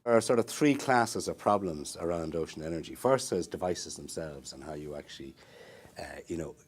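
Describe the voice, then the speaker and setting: Being interviewed in a small indoor room, a man from marine research talks in a low-pitched, expressive voice at a moderate pace. His thoughtful explanations unfold in long, building sentences broken up by fillers and restarts. A little hiss or hum sits in the audio.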